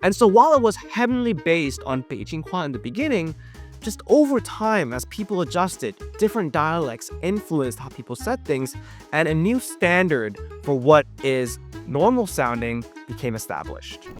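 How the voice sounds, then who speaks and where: Animated, higher-pitched man hosting explainer. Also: normal speed, soft background music. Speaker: video host. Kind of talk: scripted explainer narration, conversational.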